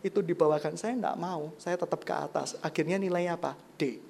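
A preacher from Kediri in East Java gives a sermon, swinging between loud, excited exclamations and soft, low passages and often calling the congregation brothers and sisters. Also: fairly quick, gravelly, husky. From Kediri, East Java, Indonesia.

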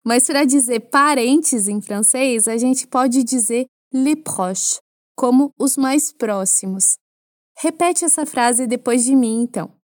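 A Brazilian woman teaching French to Portuguese speakers, explaining clearly and patiently with playful asides. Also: high voice, takes it slowly, darkish tone, no room sound, clean studio sound. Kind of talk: language lesson for Portuguese speakers.

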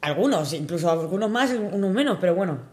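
Young woman, kinda tipsy, telling a story all excited, giggly, casual podcast chat. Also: on the low side, fast. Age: young adult. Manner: animated, excitable, laughs often. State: a little tipsy.

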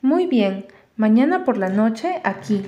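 Brief: woman playing a scornful storybook boy, calm and cold, mellow tone. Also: on the high side, slow, muffled recording. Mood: coldly calm. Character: pale, proud boy, cold and disdainful.

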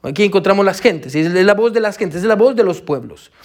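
A young man preaching a sermon to his congregation, halting with fillers and repeated words and often saying amen. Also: sits high, animated. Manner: addresses the congregation as brother and sisters.

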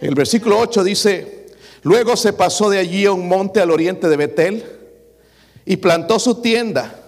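A man's voice: high voice, normal speed, big-room sound. A man preaching a sermon as pastor, asking the congregation rhetorical questions.

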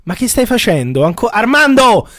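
Guy, high voice, flustered denials, dry close sound. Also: big pitch swings, moderate pace, a bit bright, no echo. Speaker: podcast co-host. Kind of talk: comedic podcast banter.

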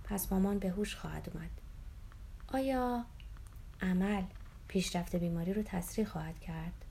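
A woman narrating a memoir aloud in a calm, somber storytelling voice, sometimes dropping to a whisper. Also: medium pitch, creaky, slight background noise.

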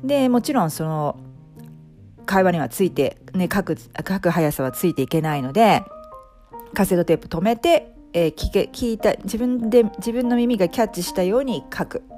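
Middle-aged woman chatting on a podcast, bouncy pitch, soft music under her. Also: moderate pace. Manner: many fillers and restarts, lively pitch. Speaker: podcast guest, life coach. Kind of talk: casual interview talk.

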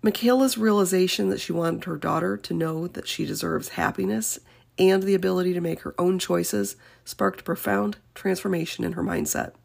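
A woman's voice: lowish voice, steady tone, moderate pace, creaky, a little mellow. A woman hosting a podcast, reading a scripted introduction with a scratchy voice from a cold, upbeat and encouraging. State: getting over a cold, scratchy voice. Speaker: podcast host.

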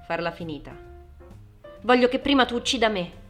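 Una donna che legge la parte di un giovane uomo stanco e disperato in un audiolibro, con un tono basso e rassegnato. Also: female voice, lively intonation, moderate pace, a bit bright, soft background music. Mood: despairing. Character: weary young man, despairing and quiet. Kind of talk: audiobook dialogue reading.

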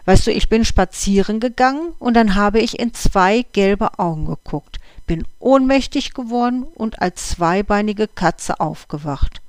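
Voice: mid-range voice, a little slow, hardly any pauses, smooth, no echo, close to an everyday voice. A storyteller voicing Nina, a young female cat who used to be human, who speaks bluntly and plaintively in a dry recording.

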